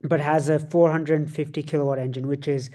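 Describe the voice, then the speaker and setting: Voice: mid-range voice, level tone, fairly quick, dark tone. A podcast co-host chatting casually about cars, rambling with many fillers and restarts.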